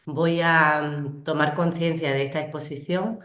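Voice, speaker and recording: A woman with a cold gives an online training presentation. She speaks slowly and deliberately in a very low voice. The recording sounds echoey, as if made in a bare room. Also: fairly even intonation, fairly bright tone. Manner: slow, deliberate delivery. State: has a cold. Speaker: local project speaker.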